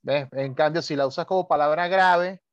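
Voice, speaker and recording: A man's voice: fairly high pitch, moderate pace, no room sound, dull audio. A man from Venezuela with a Venezuelan Spanish accent, talking casually and telling anecdotes with laughs and asides. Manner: chatty storyteller with frequent laughs and asides. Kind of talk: casual conversation about spelling.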